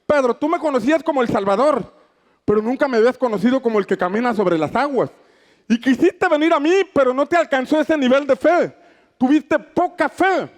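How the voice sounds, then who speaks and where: Pastor guy preaching hard, high voice, gets loud and dramatic. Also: lively intonation, fairly quick. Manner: fervent, declamatory, shouts for emphasis. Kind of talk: sermon.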